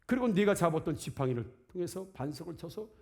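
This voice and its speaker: A man voicing God as a calm, fatherly deity gently soothing his prophet. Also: creaky. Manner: slow, low, hushed reassurance.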